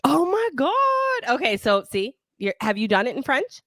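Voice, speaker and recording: A woman's voice: high voice, huge pitch swings, a little slow, a bit bright, no room sound, clean studio sound. Bubbly woman host, Italian-born. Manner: bubbly, laughs often. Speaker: podcast host. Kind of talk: casual chat.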